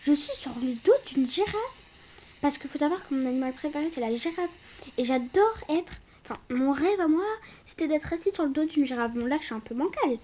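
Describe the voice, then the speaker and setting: Woman, high voice, very lively pitch, casual gameplay commentary, excitable outbursts, whispered asides. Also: fairly quick, slight background noise. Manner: excitable, bursts into loud exclamations; drops to hushed whispered asides. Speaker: gaming video creator. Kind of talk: casual let's-play commentary. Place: indoors at night.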